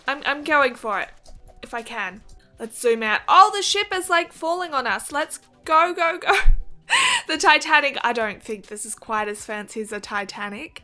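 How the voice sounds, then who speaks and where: A young woman giving chatty, excitable game commentary, gasping and giggling as she reacts. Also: on the high side. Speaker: gaming video host.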